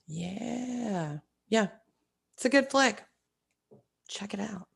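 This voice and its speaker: A young woman co-hosting a podcast in casual chat, her voice hoarse and raspy, telling things with enthusiasm. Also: mid-range voice, very slow. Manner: animated storytelling, enthusiastic. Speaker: podcast co-host.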